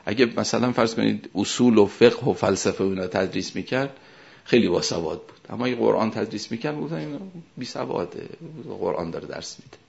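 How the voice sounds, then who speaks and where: A low, gravelly male voice delivering a sermon, leaning hard on key words, then falling back and going quiet. The recording sounds dull and lo-fi. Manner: emphatic, rises and falls sharply in loudness. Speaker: cleric.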